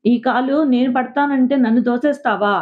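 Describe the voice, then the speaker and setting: A woman's voice: high voice, natural voice. A woman voicing foolish young male disciples who bicker and draw out their threats, on a tinny phone-like recording. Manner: squabbling, drawn-out threats.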